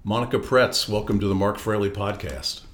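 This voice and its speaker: A man with a somewhat low voice hosts a podcast. He reads a scripted introduction, then fumbles a little with ums and restarts as he asks his guest questions. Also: steady tone, moderate pace, a bit bright. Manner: hesitant, many ums and restarts when asking. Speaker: podcast host.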